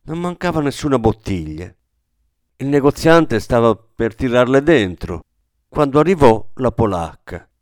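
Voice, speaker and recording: Male audiobook narrator, mid-range voice, measured delivery, dry close recording. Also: sing-song, darkish tone, no room sound. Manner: measured storytelling, lifts pitch for quoted voices. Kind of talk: scripted narration.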